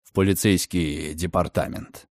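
Man doing a sly, menacing gentleman. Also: fairly even intonation, measured pace, dry recording, studio quality. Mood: mocking. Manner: low, quiet, drawling. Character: mocking, menacing grown gentleman, sly and cold.

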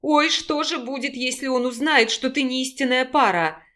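A woman's voice: high-pitched, moderate pace, a bit bright. Storybook mother: older, fretful, soothing and doting , voiced by a woman. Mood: alarmed. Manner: pleading, coaxing.

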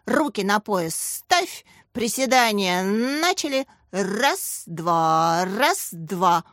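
Woman voicing a PE teacher, male, storybook, hearty, slow chanting, dry sound. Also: mid-range voice, very animated, a bit bright, no room sound, exaggerated voice.

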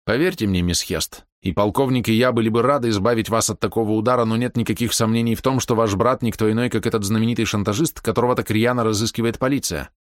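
A man voicing a grave middle-aged colonel who speaks in a measured, sober, apologetic way. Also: lowish voice, fairly even intonation, dry recording, clean studio sound, voice pushed up, lightly acted.

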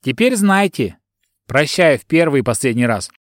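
A man's voice: mid-range voice, sing-song, normal speed, no echo, studio quality, lightly acted. A man voicing a stern, commanding female bodyguard in an audiobook, raising his voice to a scolding woman's tone.

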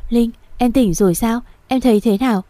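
Woman doing a soft caring young guy, coaxing, warm mellow voice, dry sound. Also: fairly high pitch, brisk, no room sound, natural voice. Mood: gentle coaxing. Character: young man, gentle caring boyfriend.

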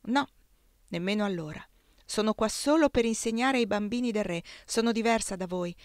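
Brisk widowed governess, resolute, dry close voice, read by a woman. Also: mid-range voice, dry recording, lightly acted. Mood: firm. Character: Anna, firm widowed English governess.

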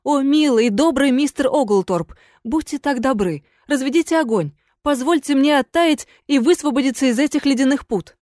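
A woman's voice: high voice, normal speed, few pauses, a little mellow, dry recording, studio quality, voice pushed up, lightly acted. A woman voicing a fearful, pleading female water ghost in an audiobook, in a plaintive, imploring manner.

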